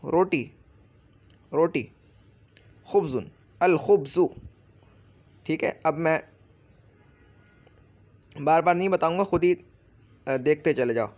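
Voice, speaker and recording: Patient Urdu-accented male grammar teacher. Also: a little high. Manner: patient, repeats words slowly for drilling. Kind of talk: explanatory lesson.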